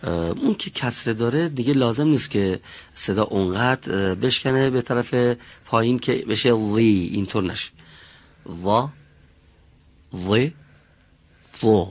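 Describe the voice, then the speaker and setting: A man's voice: mid-range voice, animated, no room sound. A man teaching pronunciation in a classroom, patiently drilling single sounds and correcting students.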